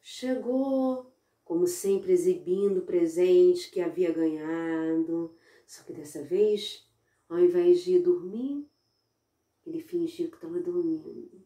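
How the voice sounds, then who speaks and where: Animated woman telling a children's story. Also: fairly low pitch, takes it slowly. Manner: animated, sing-song, playful. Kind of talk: children's story narration with song. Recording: roomy echo.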